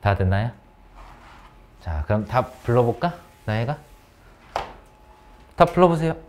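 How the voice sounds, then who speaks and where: A man's voice: mid-range voice, a little slow, a little hiss or hum. A man teaching an English grammar lesson in a classroom, asking his students question after question and calling on them by name, with English. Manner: lively, coaxing questions to students. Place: academy classroom.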